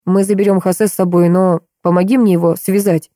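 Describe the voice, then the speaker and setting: A woman reading an audiobook, voicing a calm, soothing male vampire. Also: fairly low pitch, brisk, no echo, clean studio sound, lightly acted. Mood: steady.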